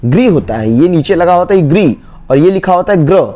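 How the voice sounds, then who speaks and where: A man teaching spelling for exams, who asks questions and answers them himself and repeats words slowly, stretching out each syllable. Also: sits high, expressive, warm tone, highs cut off. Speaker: Hindi teacher. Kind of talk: spelling lesson for exam students.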